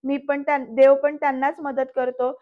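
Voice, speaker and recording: A proud, short-tempered young businessman, read aloud by a woman in a serial recap. He is curt and full of warnings. The voice is high, level and a little dull. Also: flat delivery, normal speed, natural voice. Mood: stern.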